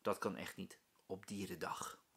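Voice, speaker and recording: A man voicing a fussy but kind male schoolteacher in a storybook, loud and animated. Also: deep voice, measured pace, vocal fry, slightly rough, voice pushed down, exaggerated voice. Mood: teacherly.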